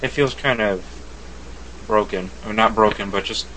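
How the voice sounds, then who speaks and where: A man's voice: fairly low pitch, moderate pace, pushed and bright, a little hiss or hum, rough recording. A man co-hosting a casual podcast, giving his views on a video game in a chatty, hedging way. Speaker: podcast co-host.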